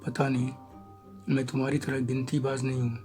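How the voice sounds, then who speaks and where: A man reading an audio story, voicing a nervous young woman who pleads in hushed tones. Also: mid-range voice, monotone, a little fast, faint music behind, close to an everyday voice. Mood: anxious. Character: anxious young woman eloping at night.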